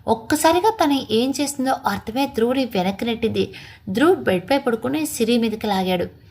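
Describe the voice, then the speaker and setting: A woman reading a family romance story aloud in a steady storytelling manner. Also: fairly high pitch, a little fast. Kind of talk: read-aloud story narration.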